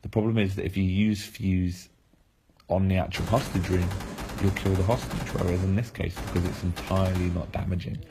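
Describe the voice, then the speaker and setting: A man's voice: low-pitched, flat delivery, fairly quick, background noise. A man losing his voice, giving analytical game preview commentary with frequent fillers and restarts.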